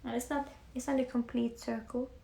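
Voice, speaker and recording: Woman with a Norwegian accent, fairly high voice, husky vocal fry, half-whispered livestream chat, roomy echo. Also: little pitch movement, brisk. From Norway. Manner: soft-spoken, often drifting into near-whispers. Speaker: musician live-streaming to fans. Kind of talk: casual livestream chat while painting. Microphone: phone. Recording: echoey room with faint background hiss.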